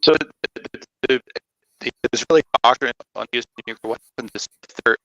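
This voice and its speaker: A man speaking as a call-in guest on a panel discussion over an online call that keeps breaking up, halting and repeating words as his audio cuts in and out. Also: mid-range voice, sharp tone, no echo, rough recording. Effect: choppy audio from a breaking-up online call connection. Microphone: online call microphone.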